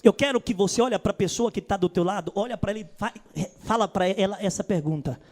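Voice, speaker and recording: Brazilian pastor guy preaching, super high voice, dramatic swings. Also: fairly quick, a little mellow. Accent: Brazilian Portuguese. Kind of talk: sermon.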